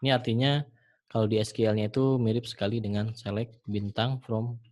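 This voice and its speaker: A man teaching programming in a screen-recorded tutorial, talking the viewer through each step in a relaxed way with frequent fillers. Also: lowish voice, moderate pace. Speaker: programming instructor.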